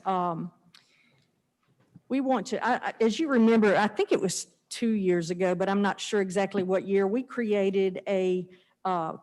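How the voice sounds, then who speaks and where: A woman's voice: medium pitch, a little mellow. A female legislator talking through a face mask, explaining a bill in a chatty, earnest way with some restarts. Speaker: state legislator presenting a bill. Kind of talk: formal committee testimony. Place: legislative committee room. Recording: reverberant hall.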